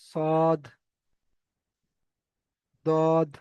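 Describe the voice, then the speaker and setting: A man's voice: fairly high pitch, monotone, extremely slow, a little mellow, clear, resonant tone, no room sound, dull audio. A man teaching Arabic letter pronunciation in an online lesson, patiently drilling and correcting students. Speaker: Quran reading teacher.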